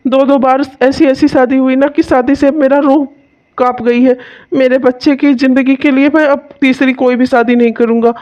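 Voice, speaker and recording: A woman's voice: sits high, fairly even intonation, normal speed, a little mellow, lightly acted. A woman voicing a weary young father in a cartoon who pleads and then gives up on marriage. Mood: resigned. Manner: pleading, resigned. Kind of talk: cartoon voice acting. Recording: dull lo-fi sound.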